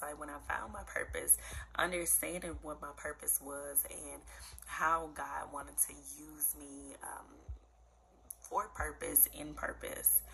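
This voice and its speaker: Low, gravelly-voiced young woman, bright. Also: a little hiss or hum, rough recording. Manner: conversational, earnest, emphatic repetition, addresses listeners as y'all. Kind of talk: casual devotional encouragement vlog.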